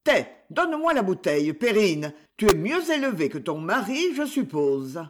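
A man's voice: high-pitched, big pitch swings, normal speed, a little hiss or hum. A man voicing a drunken, bullying old father who growls and scolds in a storybook reading. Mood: angry.

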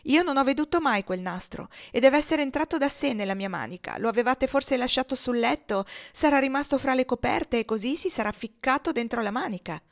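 Mischievous young girl, high voice, pleading, falsely innocent, as a woman reads her. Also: expressive, fairly quick, few pauses.

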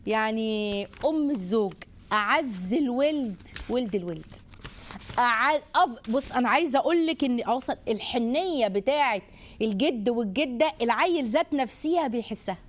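An Egyptian woman hosting a live religious advice show. She exhorts and gently teases her callers in an animated way. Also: high-pitched. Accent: Egyptian Arabic. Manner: animated, exhorting, warmly teasing. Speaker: host answering viewer questions.

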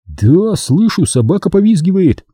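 Man doing young partisan scout, raised pitch, excitable, eager outbursts, husky, audiobook war story. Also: moderate pace, no room sound, studio quality, exaggerated voice. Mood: excited.

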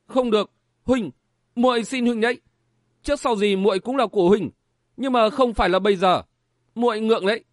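A woman's voice: a little fast, pauses often, no echo, clean studio sound, close to an everyday voice. A man doing a shy, coy young woman. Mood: bashful. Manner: coy, pleading, higher voice. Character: young shy lovestruck woman, bashful and teasing.

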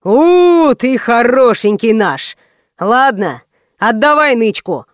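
A menacing gang boss barks his threats, as a woman reading a storybook puts him on. The voice is lowered and gruff, rough in manner. Dry, close recording. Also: sing-song, slow, no echo. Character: male gang leader, menacing thug. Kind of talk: audiobook character voice.

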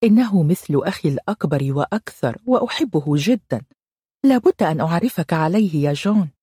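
A woman's voice: on the low side, animated, a little fast, warm tone, husky, dry recording, clean studio sound. A woman voicing a young woman who pleads with childlike enthusiasm, in an audiobook. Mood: eager. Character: eager, girlish young woman.

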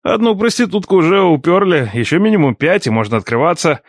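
A man's voice: on the high side, expressive, fast, dry recording, studio quality. A man voicing a cocky young former student who teases his teachers with sarcastic banter, in an audiobook. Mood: mocking. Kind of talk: audiobook character dialogue.

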